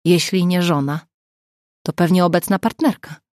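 A woman's voice: on the low side, moderate pace, darkish tone, no room sound, clean studio sound, natural voice. A woman reading a frightened young woman. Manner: timid, trembling, whispering.

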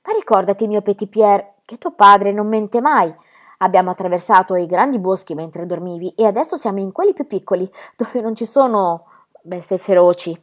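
A woman voicing little Marie, a gentle peasant girl. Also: mid-range voice, normal speed, lightly acted. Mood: coaxing. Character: young poor peasant girl, gentle and wise. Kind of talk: audiobook reading.

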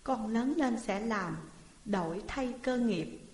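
A woman's voice: fairly high pitch, lively intonation, slow. A woman reading a folk tale voices a mistreated thirteen-year-old boy lamenting at his parents' grave. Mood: grieving. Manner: lamenting, plaintive. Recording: echoey reverberant room.

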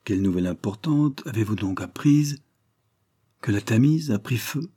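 A man reading aloud voices a light-hearted, mocking Victorian gentleman, teasing in tone. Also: fairly low pitch, expressive, moderate pace, slightly rough. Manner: teasing, jocular.

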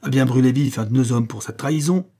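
A hulking, hot-tempered German bursts out in outrage, as a man reads him for an audiobook. The voice is dark and a bit husky. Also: mid-range voice, quick pace, voice pushed up, lightly acted. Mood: outraged. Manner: outraged exclamations. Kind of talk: audiobook reading.

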